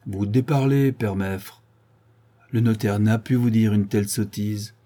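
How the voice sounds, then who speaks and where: A man's voice: on the low side, steady tone, unhurried, dark tone. A man voicing a blunt, shrewd male village priest in a read-aloud story, scolding and lecturing.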